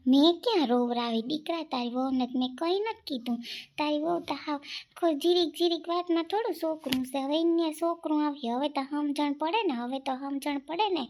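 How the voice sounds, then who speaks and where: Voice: high voice, a little mellow, a little hiss or hum. A performer playing a scolding old village mother in a family comedy skit. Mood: defensive.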